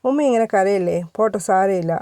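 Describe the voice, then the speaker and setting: Woman reading outspoken young wife, blunt, mellow, close and dry. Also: medium pitch, normal speed, no echo, lightly acted. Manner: blunt, frank.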